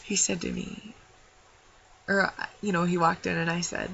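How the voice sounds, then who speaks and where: A young woman speaks openly to the camera, rambling and heartfelt with lots of fillers. Her voice is bright with a gravelly fry at the ends of phrases. The audio is dull and lo-fi with a faint hiss behind her. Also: fairly low pitch, flat delivery, normal speed. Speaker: vlogger. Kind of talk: personal talk to camera.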